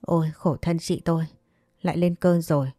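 A woman's voice: lowish voice, steady tone, normal speed, mellow, no echo, studio quality, natural voice. A woman voicing a scheming second wife who speaks in a sugary, coaxing way. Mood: sweetly scheming.

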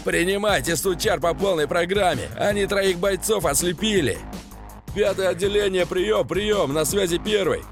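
A man's voice: high voice, normal speed, soft background music, voice pushed up. A man voicing a fierce male police commander who barks coarse orders. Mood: barking orders. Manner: barking, coarse.

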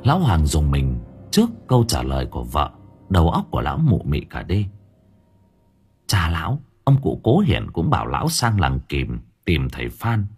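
A man narrating a horror story in a dramatic, expressive way. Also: rumbling low, moderate pace, slightly rough. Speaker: audiobook narrator. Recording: faint background music.

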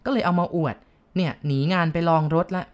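A woman playing a gruff, scolding uncle. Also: fairly low pitch, brisk, lightly acted. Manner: blunt, coarse scolding. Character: gruff middle-aged man, scolding uncle.

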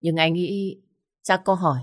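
Storybook role: a cautious male manager, slow and doubtful, played by a woman reader. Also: fairly low pitch, steady tone. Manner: slow, measured, hesitant.

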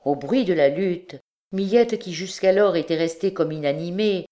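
Low-voiced woman narrating an audiobook. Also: moderate pace. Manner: steady, expressive storytelling. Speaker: audiobook reader. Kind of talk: scripted narration of a classic novel.

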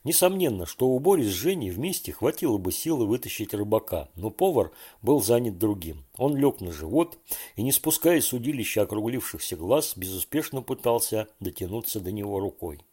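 A man reading a children's story aloud with calm, even storytelling. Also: on the low side, brisk, slightly rough. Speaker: narrator.

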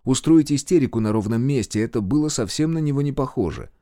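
A man narrating a horror audiobook in a dramatic, expressive way. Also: mid-range voice, quick pace, no room sound, clean studio sound. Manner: dramatic, acts out characters.

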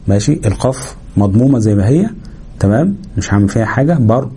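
Speaking with an Egyptian Arabic accent, a man teaches a Quran recitation lesson, explaining the rules and slowing down to demonstrate sounds, drawing out the nasal hum. His voice is on the low side, dark and slightly rough, with lively intonation.

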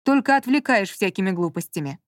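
Женщина в аудиокниге читает реплики ворчливого раздражённого мужчины, занятого делом. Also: female voice, medium pitch, animated, a little fast, no echo, clean studio sound, natural voice. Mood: irritated. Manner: grumbling, irritable, muttering. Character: grumpy man absorbed in work, snappish. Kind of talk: audiobook character reading.

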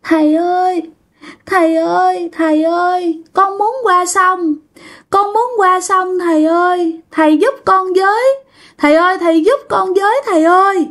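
A woman's voice: extremely high pitch, unhurried, a bit bright, pitched above the performer's own voice. A woman voicing the ghost of a drowned small child who begs a monk again and again for help. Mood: pleading. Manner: begging, repeating calls to the monk.

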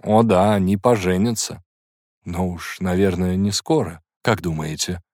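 A man's voice: deep voice, a little slow, a little mellow, no room sound, studio quality. A man reading an audiobook, voicing a proud, tormented woman in an emotional, intense manner. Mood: tense.

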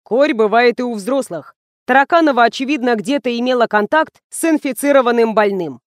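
A woman's voice: a little high, expressive, fairly quick, dry recording, lightly acted. A woman reading the part of an officious, curt male ambulance doctor.

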